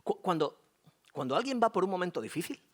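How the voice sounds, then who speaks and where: Man, pastor, Spain Spanish accent, sermon, animated and joking, lively swooping pitch, fairly high voice. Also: fairly quick. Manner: animated, joking, conversational preaching.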